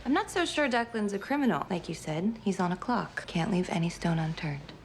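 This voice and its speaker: A woman's voice: lowish voice, animated, a little fast, slight background noise. An actress playing a determined, idealistic young woman lawyer in a TV drama, direct and probing. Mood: earnest, resolute.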